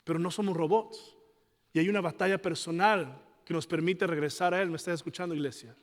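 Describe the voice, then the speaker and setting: A man's voice: on the high side, fairly even intonation, brisk, big-room sound. A male pastor, preaching a passionate sermon and mimicking his congregants' excuses. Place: large church hall.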